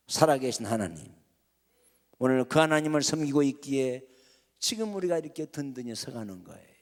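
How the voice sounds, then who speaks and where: A male pastor preaching a sermon emphatically, asking rhetorical questions, in a church sanctuary with long reverb. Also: a little high.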